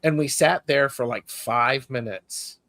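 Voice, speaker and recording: A man's voice: mid-range voice, measured pace, vocal fry, bright, forceful tone, no room sound. A man hosting a heartfelt spiritual conversation, sharing personal stories with earnest feeling. His voice is dry and close, with little room sound. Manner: earnest, storytelling, emotional at times. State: emotional. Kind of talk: casual spiritual discussion.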